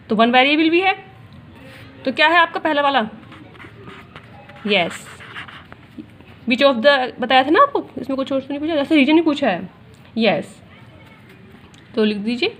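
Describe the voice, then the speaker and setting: Woman, high voice, patient classroom maths teacher who mixes English terms in. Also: fairly bright tone. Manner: explains step by step, asking and answering her own questions; addresses students directly, repeats key points.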